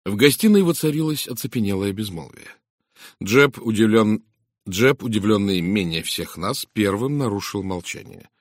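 A man reading a detective novel aloud as narrator, in an expressive, theatrical way. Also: on the low side, normal speed, no room sound, studio quality. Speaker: audiobook narrator.

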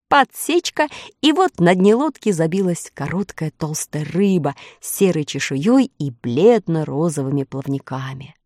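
A woman reading a children's story aloud, expressive and rising with excitement. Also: lowish voice, no room sound, clean studio sound. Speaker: narrator.

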